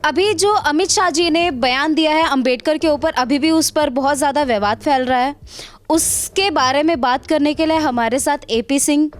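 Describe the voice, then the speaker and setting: A woman's voice: sits high, normal speed. A woman news anchor introducing a guest in a formal presenting manner.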